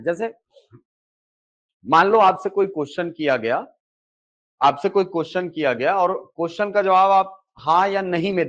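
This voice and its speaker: A male teacher giving a classroom lecture, asking questions and answering them himself, often checking in with "okay". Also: fairly high pitch. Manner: repeats key terms with "ठीक है". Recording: dull lo-fi recording.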